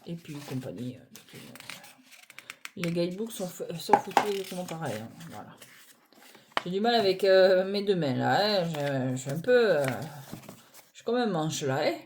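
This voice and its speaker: A woman reviewing tarot decks in a casual, hesitant chat, often pausing with fillers and laughing at her own clumsiness, recorded on a phone on a stand at home. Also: on the low side, animated, background noise. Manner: chatty, hesitant, self-deprecating, many fillers.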